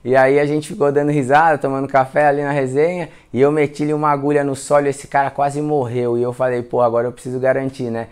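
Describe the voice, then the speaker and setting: A physiotherapist with a Brazilian Portuguese accent gives a casual live class in a smooth, mid-range voice, talking quickly with hardly any pauses. He's an animated storyteller, sharing patient cases, acting out dialogue, and repeating words.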